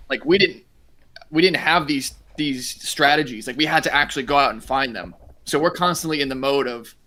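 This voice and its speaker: A man's voice: fairly high pitch, pushed and bright. A man hosting a casual interview, chatty and loose, full of "like" and "you know". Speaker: host, course creator. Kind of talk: casual conversation.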